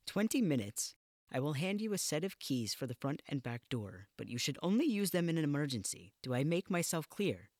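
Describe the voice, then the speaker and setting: A man's voice: fairly high pitch, sing-song, brisk, darkish tone, no room sound, clean studio sound, pitched above the performer's own voice. A man putting on a cold, stern older woman boss. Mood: cold, suspicious. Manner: cold, clipped, commanding. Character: stern suspicious older woman, care home manager.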